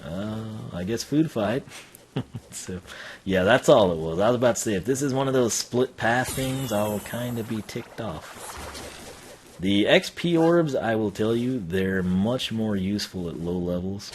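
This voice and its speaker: A man's voice: fairly low pitch, a little slow, slight background noise. A man giving casual, rambling live game commentary as a streamer, thinking aloud in slangy speech.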